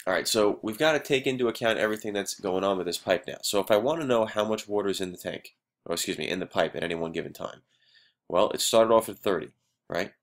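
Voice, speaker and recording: Male teacher, very low voice, a bit unwell, patient step-by-step lesson delivery. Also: fast talker. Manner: patient step-by-step explaining, frequent "right?". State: under the weather, voice affected. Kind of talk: recorded math lesson.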